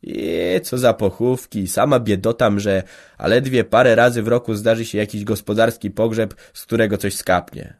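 A man's voice: steady tone, moderate pace. A man voicing a fussy, plaintive middle-aged organist's wife, lifting his voice for her. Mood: complaining. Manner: raised, plaintive pitch.

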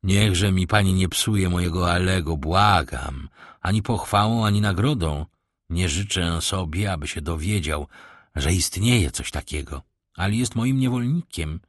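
A man voicing a composed, commanding middle-aged count in an audiobook, speaking in a calm, measured, authoritative way. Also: low-pitched, dry recording, studio quality.

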